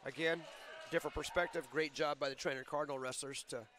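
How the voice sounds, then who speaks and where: A man's voice: on the high side, fairly even intonation, quick pace, a bit bright. Male wrestling commentator, chatty explainer, some light background noise. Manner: chatty, explains rules and team math. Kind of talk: local sports commentary. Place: school gym.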